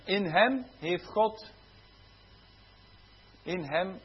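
A man's voice: high voice, animated, extremely slow, husky, lo-fi sound. A man preaching a sermon, swelling into fervent cries of hallelujah and dropping into conversational asides where he corrects himself. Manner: rising to fervent exclamations of hallelujah.

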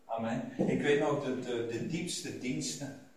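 A man's voice: medium pitch, steady tone, slow pace, a crowd in the background. A man preaching a sermon, speaking to sisters by name and dropping frequent amens. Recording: echoey hall, mic at a distance.

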